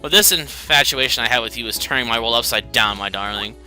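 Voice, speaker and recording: A man's voice: mid-range voice, fast, pushed and bright, faint music behind. A man voicing a seductive female pixie succubus who talks in a formal, theatrical way. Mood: infatuated.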